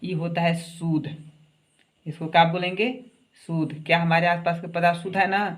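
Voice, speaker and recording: A man's voice: fairly high pitch, level tone, moderate pace. A man teaching a science class, asking short questions and answering them himself in a coaxing classroom way, an everyday delivery. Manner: asks questions and answers them himself, calls students "babu". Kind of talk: classroom lecture.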